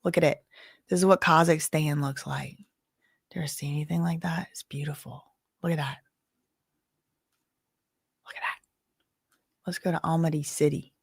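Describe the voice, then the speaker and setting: This livestream host recapping a court trial has a deep, creaky, husky voice, captured dry with clean studio sound. She keeps things casual and chatty, reading messages from chat and gasping or exclaiming in response.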